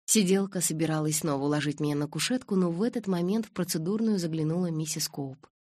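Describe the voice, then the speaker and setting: A woman reads a novel aloud in the first person, steady and expressive. Her voice is low with a husky grain. The recording is dry and close. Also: fast, dry recording. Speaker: audiobook narrator. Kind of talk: first-person audiobook narration.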